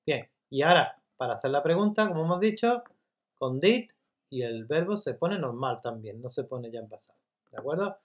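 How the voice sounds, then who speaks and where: A man teaching English grammar step by step in Spanish, patiently checking in with his students and reading example sentences slowly. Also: medium pitch, expressive. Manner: patient, repeats checks like "¿vale?" and "¿de acuerdo?".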